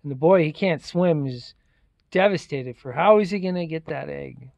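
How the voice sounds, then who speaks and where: Man, casual folktale storyteller, gravelly voice, fairly high pitch, chatty and repetitive, dry sound. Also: moderate pace, darkish tone, no echo. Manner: loose, chatty, repeats words, fillers like "like". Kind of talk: casual oral retelling of a folktale.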